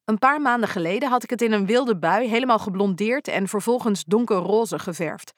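A woman's voice: medium pitch, fairly quick, no echo. Woman reading a story, dry close sound. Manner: expressive, lively in dialogue. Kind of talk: first-person story reading.

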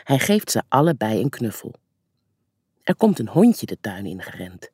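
Husky, lively children's story narrator. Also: medium pitch, moderate pace, dry recording. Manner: expressive storytelling.

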